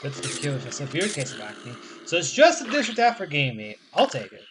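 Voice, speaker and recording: A man's voice: fairly high pitch, wildly swooping pitch, fairly quick. A man casually playing a quiz game, reading the options aloud and guessing answers. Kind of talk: casual let's-play commentary. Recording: game music behind voice.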